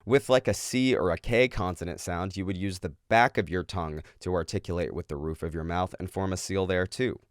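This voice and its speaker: Man, vocal coach, fairly low pitch, instructional delivery, very little room sound. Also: fairly quick, few pauses, dry recording. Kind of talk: instructional explanation of screaming technique.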